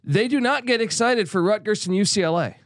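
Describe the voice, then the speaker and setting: Male podcast guest, opinionated sports pundit. Higher voice, blunt and sweary, recorded dry. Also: no room sound. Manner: blunt, sweary, halting restarts. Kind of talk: opinionated casual sports talk.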